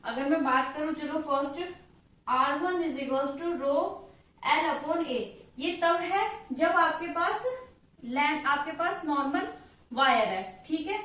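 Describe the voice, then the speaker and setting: A high-voiced woman with an Indian accent works through a physics problem patiently, pausing after each step to check that her students follow. She sounds far from the microphone, and her voice echoes strongly around a bare room. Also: fairly bright tone. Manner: patient, checks in with "theek hai" after each step, writes out formulas slowly. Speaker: physics teacher. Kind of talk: explaining a worked example in a lesson.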